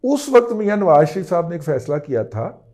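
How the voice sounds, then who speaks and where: A man's voice: on the high side, big pitch swings, brisk, warm tone. A man, giving an emphatic news-analysis monologue as a political commentator, often checking in with the listener.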